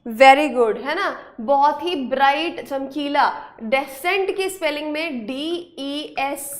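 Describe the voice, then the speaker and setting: A woman with an Indian accent teaching English spelling in a live online class, brisk and encouraging, urging students to answer quickly. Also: high-pitched.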